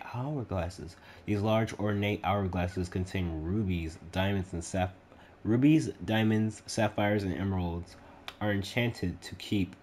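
Brief: male gaming YouTuber, loose let's-play talk, unhurried delivery, faint room noise behind. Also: lowish voice. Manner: excitable, chatty, reads game text aloud haltingly. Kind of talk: casual let's-play commentary.

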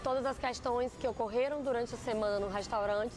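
A woman's voice: a little high, fairly even intonation, a little fast. A young woman in a restaurant dining room explaining, in an organized way, how her team gathers and discusses feedback. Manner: clear, organized, listing points. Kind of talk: interview answer. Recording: music bed under the voice.

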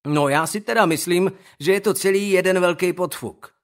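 A man's voice: high-pitched, voice pushed up. A man voicing a mocking, bullying teenage boy in an audiobook, taunting and sneering. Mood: scoffing.

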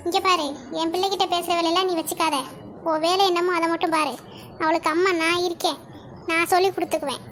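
A woman's voice: very high-pitched, steady tone, fast, fairly bright tone, slight background noise. A woman voicing a harsh scolding cartoon mother. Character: stern scolding middle-aged mother, sharp-tongued. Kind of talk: cartoon dialogue acting.

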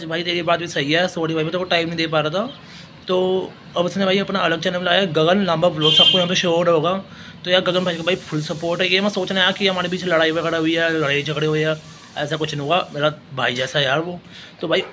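A man's voice: on the high side, a bit bright, slight background noise. A young man chatting casually to viewers as a vlogger, filming himself on a phone at arm's length outdoors. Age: young adult. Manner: chatty, addresses viewers as brother. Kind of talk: casual vlog talk. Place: outdoors at a home doorway.

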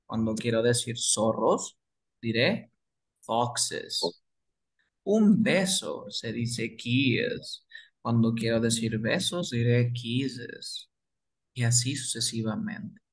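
A man's voice: medium pitch, lively intonation. A man whose first language is Spanish, teaching English grammar to beginners and repeating words as he quizzes the listener. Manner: repeats words slowly, asks and answers his own questions.

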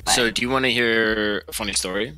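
A man's voice: fairly low pitch, steady tone, brisk, pushed and bright. A man from Russia telling a rambling, profane story in casual chat, mimicking others in a raised voice.

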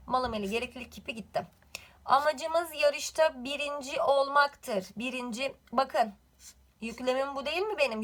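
A woman's voice: high-pitched, bright, forceful tone. A woman teaching a grammar lesson, quizzing the class with repeated questions.

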